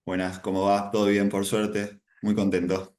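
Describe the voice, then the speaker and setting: Low-voiced young Argentine man explaining. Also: moderate pace. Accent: Rioplatense Spanish. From Buenos Aires, Argentina. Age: 20s. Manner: relaxed, explanatory, many fillers. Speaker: nutritionist guest. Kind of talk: sit-down interview.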